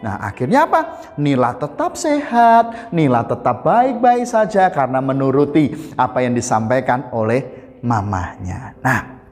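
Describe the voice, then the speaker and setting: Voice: mid-range voice, unhurried. A storyteller telling a devotional story to children, speaking to them directly. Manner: lively, addressing children directly. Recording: echoey hall, faint music.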